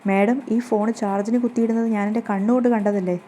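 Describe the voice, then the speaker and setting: A woman voicing an eager, loyal female house maid in a fast recap of a television serial. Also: mid-range voice, steady tone, dark tone, slight background noise, natural voice.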